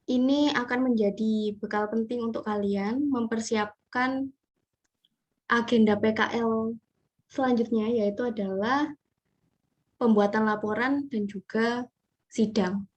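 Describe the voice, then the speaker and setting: A woman opening a school video meeting in a measured, polite and formal way. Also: fairly high pitch. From Indonesia. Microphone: video call audio.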